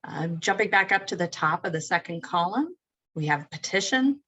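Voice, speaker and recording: A woman with a fairly low voice leads a webinar lesson. She works through legal terms one at a time in a steady, methodical way, with occasional light humor in her phrasing. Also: moderate pace, low-quality recording. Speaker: webinar presenter.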